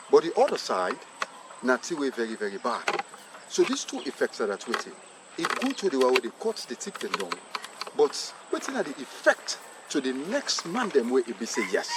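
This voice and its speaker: A man with a Sierra Leonean accent hosting an educational program in an emphatic, repetitive way. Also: medium pitch. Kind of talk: educational presenting, mixing Krio and English. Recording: clear outdoor traffic noise.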